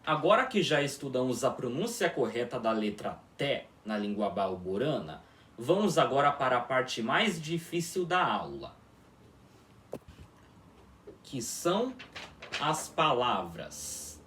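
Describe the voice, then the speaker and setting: A man teaching a formal video lesson on an invented language, repeating words slowly and often checking that listeners follow along. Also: mid-range voice, sing-song, fairly bright tone. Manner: slow, repetitive, checks in with listeners constantly. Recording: echoey room, voice from far off.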